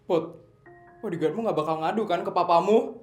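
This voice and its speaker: A man's voice: high-pitched, normal speed, close to an everyday voice. A man voicing a group of supportive teenage schoolgirl friends who comfort and chat casually. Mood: explaining. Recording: echoey room, faint music.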